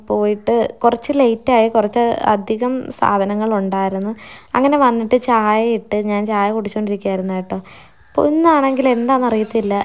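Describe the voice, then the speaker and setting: Woman vlogger rambling about her day, chatty and easy, medium pitch. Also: a little mellow. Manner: chatty, often tags sentences with a friendly "you know". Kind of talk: casual day-in-my-life vlog chat.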